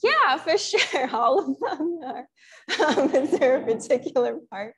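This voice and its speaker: A woman's voice: sits high, very animated, a little slow, fairly bright tone. A young woman artist who grew up in Sri Lanka, answering questions in a conversational talk, reflective and full of small restarts. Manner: reflective, thoughtful, many restarts and fillers. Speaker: guest artist.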